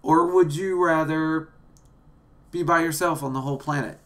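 A man's voice: on the high side, steady tone, moderate pace, fairly bright tone. Playful rambling man streaming a game. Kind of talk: casual livestream chat while playing a game. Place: small room indoors. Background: video game music.

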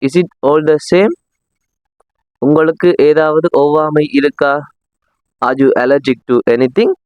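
A man with a Tamil accent teaching simple English sentences, saying each one slowly twice so learners can repeat. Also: on the high side, smooth, no room sound. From South India. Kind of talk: slow, deliberate English lesson with repetition. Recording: dull lo-fi sound.

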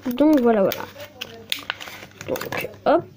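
Indoors at her home desk, a young female vlogger unboxes toys in a casual chat, her fairly high voice animated but slow-paced. Her talk is hesitant and peppered with fillers and apologies, with background noise audible.

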